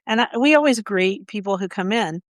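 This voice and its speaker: A woman from Oklahoma co-hosting a gardening podcast, chatting casually and telling quick stories with asides. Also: mid-range voice, lively intonation, dry recording. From Oklahoma, USA. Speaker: podcast co-host. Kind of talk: casual chat.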